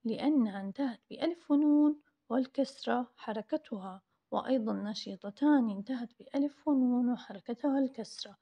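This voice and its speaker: A woman teacher reviewing grammar for young pupils, drawing words out slowly and praising often in a recorded lesson. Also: fairly high pitch, breathy edge, highs cut off. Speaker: primary school teacher.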